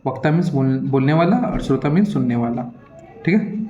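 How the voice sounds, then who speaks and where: Hurried man teaching in an echoey room. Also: mid-range voice, animated, mellow, a little hiss or hum. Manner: repetitive, keeps checking in with "theek hai"; hurried, reads questions aloud then explains. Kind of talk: explaining an exam paper to students. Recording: echoey room, dull lo-fi sound.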